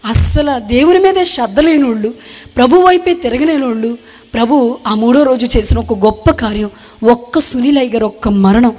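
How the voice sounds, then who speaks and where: Young woman, kinda high voice, earnest halting testimony, long echo like a big hall. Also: darkish tone. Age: young adult. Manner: earnest, halting retelling in short phrases. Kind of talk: emotional spoken testimony.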